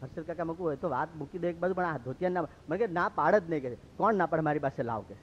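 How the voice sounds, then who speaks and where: A man from Gujarat, a monk telling stories in a lively sermon and acting out what others said. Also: on the high side, very fast, a little hiss or hum. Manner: lively, acts out quoted speech. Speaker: monk preacher. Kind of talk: storytelling sermon. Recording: dull lo-fi recording.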